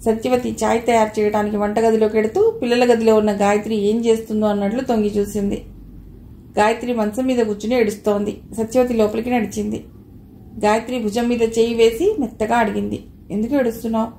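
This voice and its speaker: A woman narrating a novel aloud in a steady storytelling manner. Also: a little high, fairly quick. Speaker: audiobook narrator. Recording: roomy echo, faint noise.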